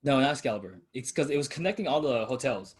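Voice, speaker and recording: A man's voice: mid-range voice, animated, fast talker. A young man in casual chat with an old friend, talking in a loose, laid-back way with the odd curse word. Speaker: channel host.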